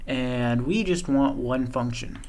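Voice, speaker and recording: A man presenting a coding tutorial, thinking aloud in a relaxed way as he walks through code on screen. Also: medium pitch, slow pace, slight background noise. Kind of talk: screen-share coding walkthrough.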